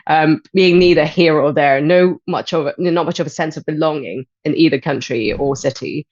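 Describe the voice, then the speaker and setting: A woman in her thirties from Hong Kong, a life and transition coach speaking as a podcast guest in a thoughtful, measured way with frequent pauses. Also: deep voice, darkish tone, dry recording, highs cut off. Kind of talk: podcast interview.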